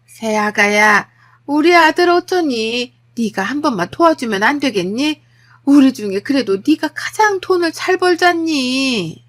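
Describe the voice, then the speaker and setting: A shrill, high older mother-in-law, as a woman storyteller puts her on, drawing out her pleas and then shrieking her reproaches. She scolds loudly and without letup, in a storytelling voice. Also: animated, measured pace, exaggerated voice. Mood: pleading. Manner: pleading, then screaming and scolding. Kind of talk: storytelling with acted dialogue.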